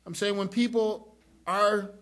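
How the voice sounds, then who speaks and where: Pastor, male, high bright voice; sermon delivery moving between quiet prayer and shouted exhortation. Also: steady tone, measured pace. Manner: swings from soft prayerful murmurs to loud shouted emphasis.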